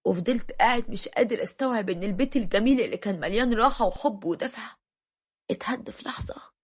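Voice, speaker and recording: A woman's voice: on the high side, fast, husky. A woman narrating an emotional first-person story in the voice of a man telling his own tale.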